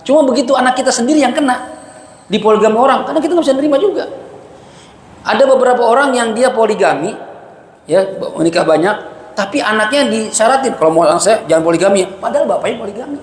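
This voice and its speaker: A man's voice: very high voice, expressive, quick pace. A male religious teacher giving a chatty, colloquial lecture that mixes Arabic citations with casual slang and light chuckles. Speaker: ustadz teaching a mosque study session. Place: mosque hall. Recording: echoey mosque hall, faint background hiss.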